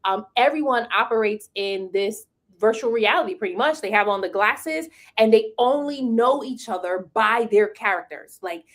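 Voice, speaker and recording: A woman co-hosting a casual chat who talks quickly and enthusiastically and laughs easily. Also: fairly high pitch.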